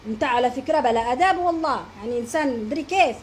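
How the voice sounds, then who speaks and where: A woman scolds and insults the host in a high, quick voice. Her message comes through with a faint noise behind it. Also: lively intonation, a little mellow. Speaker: voice-message caller.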